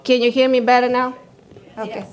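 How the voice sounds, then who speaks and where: A woman from Bulgaria, a dentist giving a conference presentation, hesitant with many fillers and losing her voice as she keeps clearing her throat. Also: on the high side, flat delivery, fairly quick, background noise.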